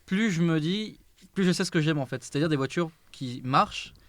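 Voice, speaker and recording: A young man chatting excitedly about cars in a casual conversation, swearing freely. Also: a little high, brisk, no room sound. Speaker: car youtuber. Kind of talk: casual chat.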